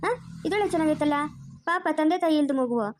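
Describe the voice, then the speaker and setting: A woman voicing a kind, fair-minded village neighbour woman who pleads and gently scolds. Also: high-pitched, quick pace, natural voice. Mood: pleading.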